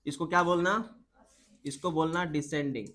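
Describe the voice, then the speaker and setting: Male biology teacher, high-pitched, drilling his students with repeated questions. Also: steady tone, moderate pace, a bit bright. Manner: repetitive, asks students questions. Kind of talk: classroom teaching.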